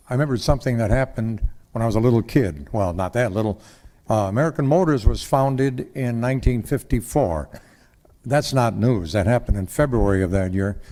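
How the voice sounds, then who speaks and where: A man's voice: mid-range voice, mellow. Older man, folksy rambling speaker at a council lectern mic. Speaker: public commenter at council meeting. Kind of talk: public comment speech.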